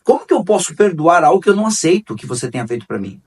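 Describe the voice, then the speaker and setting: Guy hosting a chat about forgiveness, swoopy animated voice, bit far from the mic. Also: on the high side, racing, slightly rough. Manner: conversational, repeats phrases, lively storytelling. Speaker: host. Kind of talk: reflective talk on forgiveness.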